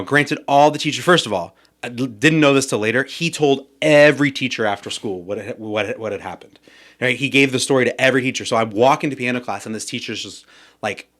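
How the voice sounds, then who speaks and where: A young man on a podcast, telling a personal story in casual chat, with plenty of swearing and acted-out quotes. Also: medium pitch. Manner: animated, swears a lot, acts out quoted yelling. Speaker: podcast guest.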